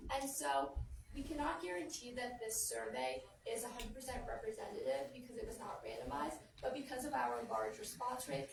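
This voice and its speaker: A young woman from Connecticut explains her points in a measured, methodical way. Her voice is fairly high, with a gravelly fry. She is heard from across an echoey room with a good deal of noise behind her. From Connecticut, USA. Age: young adult. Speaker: student presenter. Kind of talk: prepared presentation. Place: community center meeting room. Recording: distant, echoey, noisy hall mic.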